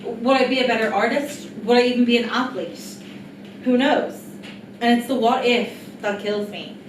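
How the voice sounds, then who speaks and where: A woman's voice: fairly high pitch, moderate pace. Woman reading a monologue in an echoey room. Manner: earnest, reflective, addressing the audience directly. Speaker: writer-performer of an autobiographical solo play. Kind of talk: rehearsed reading of a theatrical monologue. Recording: echoey, distant mic, noisy room.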